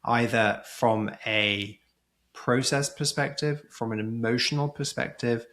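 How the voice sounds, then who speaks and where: A man with a mid-range, fairly bright voice speaks at a steady, measured pace. He's a guest on a casual conversational podcast, a co-founder of a surrogacy community, explaining things thoughtfully and frequently restarting his sentences.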